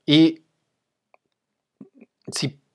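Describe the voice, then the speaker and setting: A man's voice: drawn-out words, darkish tone. A Mexican man hosting a casual home monologue, rambling with many fillers and chuckling often. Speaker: host. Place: home, with a dog nearby.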